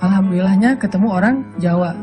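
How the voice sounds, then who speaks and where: A man from Aceh preaching in a casual, humorous way, telling stories with frequent chuckles and lively jumps in his voice. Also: sits high, quick pace, over music. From Aceh, Sumatra, Indonesia. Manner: animated storyteller, jokes and chuckles often.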